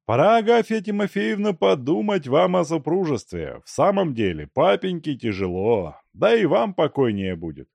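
A man playing a scheming middle-aged suitor who speaks in a persuasive, assured tone, gravelly and mellow, in a storybook reading. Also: a little high, sing-song, moderate pace, few pauses, dry recording, voice pushed up, heavily acted.

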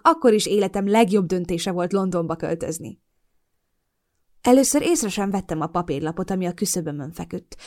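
A woman narrating a first-person audiobook with an expressive storytelling delivery. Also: mid-range voice.

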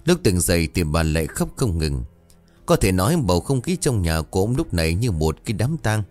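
A man narrating a horror folk tale in a calm, steady storytelling manner. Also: sits low, a little fast, faint music behind.

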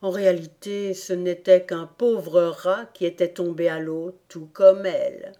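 A woman narrating an audiobook of a classic tale in a calm, measured way. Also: fairly low pitch. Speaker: audiobook reader.

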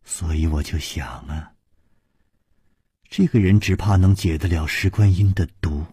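A man voicing a sorrowful ailing woman in a storytelling performance, speaking quietly and subdued. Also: low-pitched, unhurried, husky, no room sound, clean studio sound, exaggerated voice. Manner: quiet, subdued, sometimes whispered.

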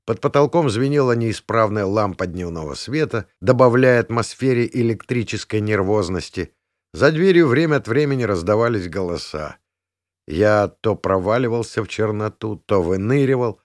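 Expressive male audiobook narrator, low voice. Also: no room sound, studio quality. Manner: expressive storytelling.

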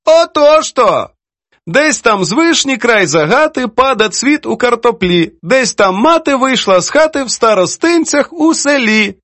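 A woman's voice: fairly high pitch, animated, moderate pace, hardly any pauses, fairly bright tone, dry recording, pitched above the performer's own voice. A man doing a teasing old woman poet. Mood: mocking. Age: older. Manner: teasing, laughs easily. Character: merry elderly woman children's poet, teasing.

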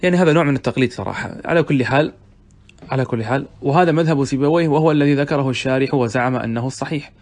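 A man's voice: mid-range voice, racing. A man teaching Arabic grammar, reading a classic text aloud and explaining it with questions to his students. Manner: reads passages aloud, then explains them with questions to students.

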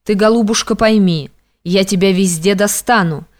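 A woman's voice: medium pitch, moderate pace, close to an everyday voice. A woman reading an audiobook, voicing a stern, domineering young man who speaks harshly and commandingly.

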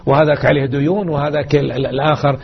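A man's voice: a little high, steady tone, fast talker, creaky, muffled recording, a crowd in the background. A man teaching a religious lesson on radio, exhorting his listeners and repeating key words. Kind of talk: explaining a hadith lesson.

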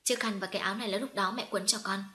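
A woman's voice: medium pitch, fairly even intonation, racing, pushed and bright, lightly acted. Brief: a woman reading a weeping middle-aged mother in an audio story, level mid voice. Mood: tearful. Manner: tearful, apologetic. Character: grieving middle-aged mother reunited with daughter.

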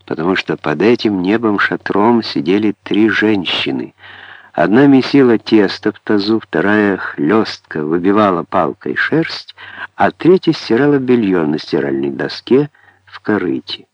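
Male narrator, lowish voice, calm ironic memoir read, close dry sound. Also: unhurried, no echo, highs cut off. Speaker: audiobook narrator. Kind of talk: first-person memoir narration.

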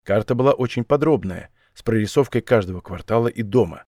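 A man reading a story aloud as an audiobook narrator in an even storytelling manner. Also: lowish voice, brisk, no echo, clean studio sound. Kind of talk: scripted narration.

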